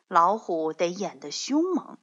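A woman telling a children's story in an expressive, scripted narration, addressing young listeners directly. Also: lowish voice, unhurried, husky. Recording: slightly dull, lo-fi audio.

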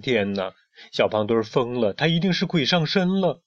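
A gossipy bird in a storybook, quick to gasp and exclaim, as a male storyteller puts it on. The recording is dry and muffled. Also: on the low side, steady tone, a little mellow, no echo, lightly acted. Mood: alarmed. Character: excitable bird, dramatic and quick to panic. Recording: dull lo-fi recording.

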